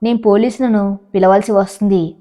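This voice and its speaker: A woman voicing a suspicious, quick-tempered husband who talks in an irritated, scolding way. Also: medium pitch, fairly even intonation, dark tone, lightly acted. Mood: warning. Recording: dull lo-fi audio.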